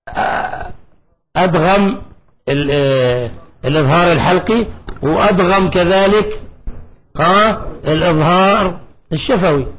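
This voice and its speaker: High-voiced man teaching Quran recitation. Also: fairly bright tone, rough recording. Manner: quizzes students and demonstrates letter sounds aloud. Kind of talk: tajweed lesson to students.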